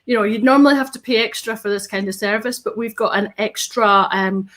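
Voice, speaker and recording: A woman in her thirties hosts a live online show over a webcam from her home studio, which has a tinsel backdrop. Her mid-range voice is fairly quick and fairly bright, and she's bubbly and upbeat with lots of ums.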